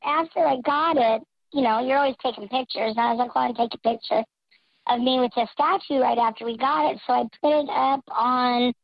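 A woman's voice: fairly high pitch, a little fast, creaky, no echo. A woman calling in anonymously through a voice changer, telling her confession in a chatty way with many fillers and self-corrections. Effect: voice changer morphing her voice. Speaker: anonymous caller confessing a secret. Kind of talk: casual storytelling on a call-in show. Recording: dull lo-fi voice-changed line.

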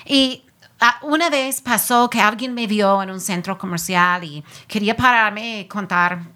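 A woman's voice: medium pitch, unhurried, bright, forceful tone. A woman pastor in casual chat who explains her views earnestly and with conviction.

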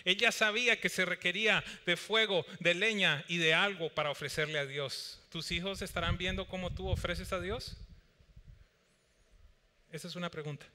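High, bright-voiced preacher in a reverberant hall. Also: male voice, moderate pace, a little hiss or hum. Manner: animated preaching, acts out Bible dialogue and skits. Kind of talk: sermon. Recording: long reverb of a church hall.

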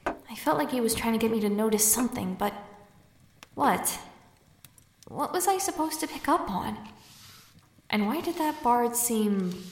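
A woman's voice: on the high side, lightly acted. A woman playing an awkward, earnest young barmaid in a fantasy audio drama, musing hesitantly. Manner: hesitant, musing, self-doubting. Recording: roomy echo, faint background noise.

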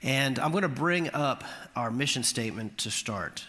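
A man preaching a sermon, telling a lively story and rising in pitch at the funny moments. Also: moderate pace. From Florida. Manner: animated storytelling, voice climbing high at punchlines. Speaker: pastor. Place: church sanctuary. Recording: long hall reverb.

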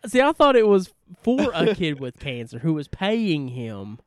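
A man co-hosting a casual podcast, reviewing comedy skits in an animated way and acting out their lines. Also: on the high side, measured pace. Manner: animated, laughing, acts out skit lines. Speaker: podcast co-host.

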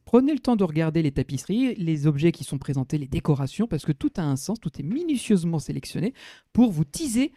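Mellow-voiced man describing a ride. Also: on the high side, very animated, quick pace, no echo, clean studio sound. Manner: descriptive, hesitant with fillers. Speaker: podcast co-host. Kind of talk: casual podcast discussion.

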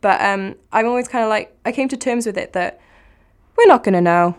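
A young woman talks as a podcast guest, her voice sitting a little high. She is animated, swears freely and laughs often. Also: a little fast, clear, resonant tone. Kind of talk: casual chat.

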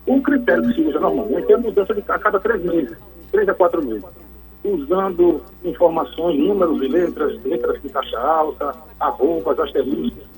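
A man calling in to a radio show to explain technology topics, heard over a phone line, speaking in a measured, explanatory way with frequent restarts. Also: on the high side, darkish tone, faint music behind.

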